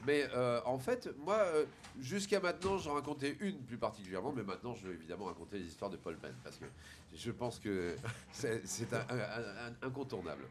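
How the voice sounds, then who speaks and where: A man telling a joke on a talk show, animated and playing the voices of his characters. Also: medium pitch, fairly quick, a little hiss or hum. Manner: animated, doing voices in jokes. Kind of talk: comic storytelling chat.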